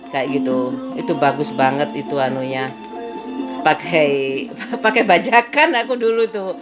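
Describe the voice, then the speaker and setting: A woman's voice: low voice, unhurried, over loud music. A woman, chatting casually in a daily home vlog and telling stories. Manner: chatty storytelling, frequent "kayak gitu" and laughter. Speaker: vlogger.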